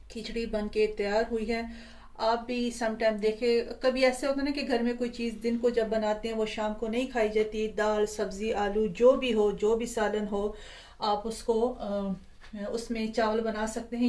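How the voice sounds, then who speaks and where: A woman's voice: on the high side, low-quality recording. A woman, hosting a home cooking tutorial in a chatty, homely way from her kitchen. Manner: chatty, homely, relaxed explaining. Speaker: cooking channel host. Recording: clear frying and stirring noise. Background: sizzling pan and stirring.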